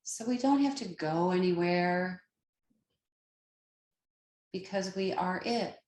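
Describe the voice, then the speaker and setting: A meditation guide and yoga teacher with a slightly low voice leads a meditation very slowly and unhurriedly, calm and gentle, with long pauses between phrases. The room sounds spacious, with a clear echo around her words.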